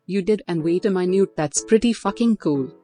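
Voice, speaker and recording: A woman's voice: on the low side, normal speed, warm tone, soft background music, lightly acted. A woman voicing a sassy, foul-mouthed female robot assistant in a comedy skit, blunt and mocking. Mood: dismissive.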